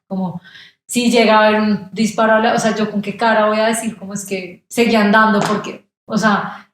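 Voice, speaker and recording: A young woman with a Colombian accent tells a story as a podcast guest. She jumps into the voices of the people she meets. The sound is very roomy and echoey. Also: mid-range voice. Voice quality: animated, acts out quoted voices. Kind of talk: casual storytelling. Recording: very echoey room.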